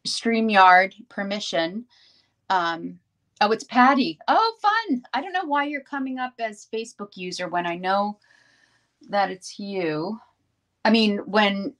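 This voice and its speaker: A middle-aged woman from New York hosting a casual craft livestream, chatty and rambling as she greets viewers by name. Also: mid-range voice. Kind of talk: casual live-stream chat.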